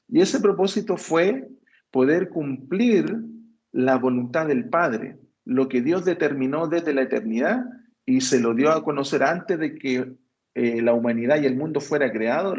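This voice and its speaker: A man preaching a teaching sermon, explaining step by step and checking in with listeners as he goes. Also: on the high side.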